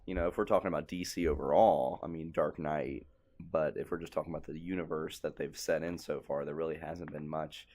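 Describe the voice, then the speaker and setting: A young man co-hosts a podcast, chatting in a relaxed, rambling way and laughing often. He has a bass voice with a steady, somewhat dark tone and talks briskly.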